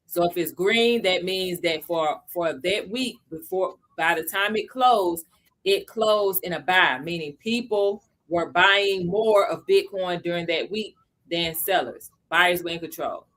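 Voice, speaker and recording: Woman, low-pitched, casual livestream teacher, talks to viewers as y'all, slows for key points. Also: a bit bright. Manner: chatty, addresses viewers as y'all, greets chatters by name. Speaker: livestream host teaching crypto basics.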